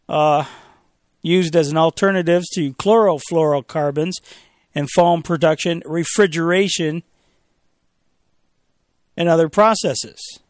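A man's voice: a little high, no room sound. Sarcastic talk radio man, dry studio sound. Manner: sarcastic, mocking, reads documents aloud with commentary. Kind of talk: opinionated talk radio monologue.

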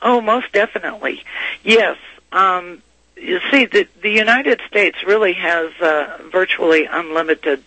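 A woman guest gives conversational commentary in a bright, forceful voice. She explains things haltingly, with small check-in questions, and the sound is dry and close. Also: fairly low pitch, no room sound, low-quality recording. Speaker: talk show guest commentator.

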